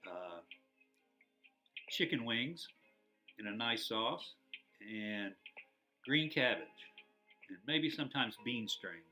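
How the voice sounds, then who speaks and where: A man's voice: fairly low pitch, pushed and bright. A middle-aged man from Arkansas telling personal stories in a rambling, reflective way, with many fillers and restarts. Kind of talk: casual personal storytelling.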